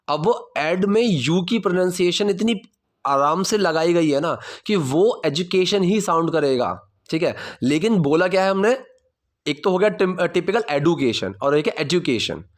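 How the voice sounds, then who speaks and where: Man, Indian accent, English teacher, a bit high-pitched, casual lesson, slow careful examples. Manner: slow, careful model phrases; checks in often with "theek hai?".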